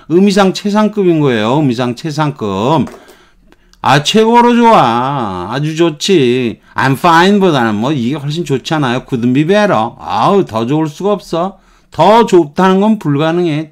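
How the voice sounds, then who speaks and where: A man giving an English lesson, explaining phrases patiently and repeating them over and over. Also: a little high. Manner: unhurried, repeats phrases, drifts between Korean and English. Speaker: English teacher.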